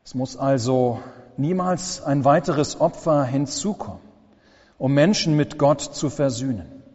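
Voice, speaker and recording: A man preaching a sermon as pastor, slow and solemn with dramatic pauses, in a church. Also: mid-range voice, expressive, a little mellow. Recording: long church reverb, dull lo-fi sound.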